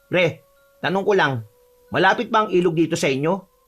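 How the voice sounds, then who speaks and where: A man's voice: sits high, animated, a little fast, a bit bright, breathy edge, faint music behind, exaggerated voice. A man voicing a jumpy, easily scared young man from the city in an audio horror story. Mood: calm. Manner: nervous, whiny and fearful.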